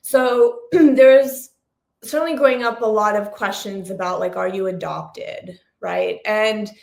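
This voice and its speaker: This producer and journalist, with roots in Sri Lanka, Massachusetts in the United States, and France, speaks with an American accent as an interview guest. Her mid-range voice is creaky and darkish, at a measured pace. She's reflective and casual, correcting herself in stop-and-start fashion, and the recording has a roomy echo.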